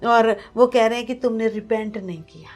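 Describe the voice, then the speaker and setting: A woman's voice: fairly high pitch, normal speed, soft background music. A woman giving an earnest personal testimony to a pastor, telling her story vividly and mixing in English words. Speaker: guest sharing a testimony.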